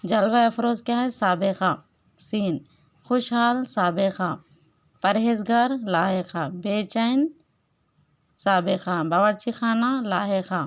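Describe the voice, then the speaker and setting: A woman teacher giving a recorded Urdu lesson, explaining slowly, repeating points and asking questions. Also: medium pitch.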